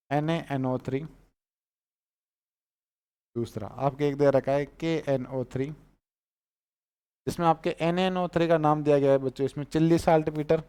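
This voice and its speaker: A man's voice: fairly high pitch, mellow, smooth. Rajasthani man teaching a chemistry class. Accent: Rajasthani Hindi. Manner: repeats each term and quizzes the students on it.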